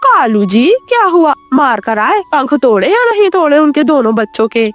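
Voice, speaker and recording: A bossy, nagging crow wife in a children's cartoon, played by a woman. She complains in a high voice with very lively pitch, and faint music plays behind her. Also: normal speed. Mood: eager.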